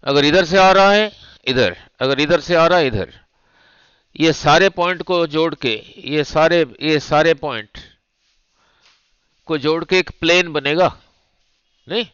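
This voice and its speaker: A male teacher explains optics at an unhurried pace, circling back over each point and checking whether the class follows. His voice sits a little high and sounds smooth and clear. The recording is dry but dull and lo-fi. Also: a bit bright, no echo. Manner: slow, repetitive, checks understanding with rhetorical "nahin?". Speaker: physics teacher. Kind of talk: classroom lecture at a board.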